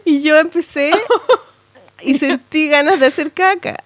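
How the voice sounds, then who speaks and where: A woman in her thirties with a Chilean accent, telling a story in animated casual chat as a podcast co-host. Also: high voice, unhurried, no echo. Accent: Chilean Spanish. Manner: animated storytelling with lots of slang tags.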